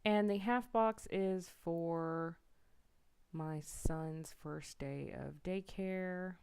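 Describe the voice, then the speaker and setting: A woman's voice: fairly low pitch, dark tone, clean tone. A young woman narrating her planner decorating in a casual, apologetic voiceover. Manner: apologetic, self-deprecating, chatty. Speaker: planner vlogger. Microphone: voiceover mic.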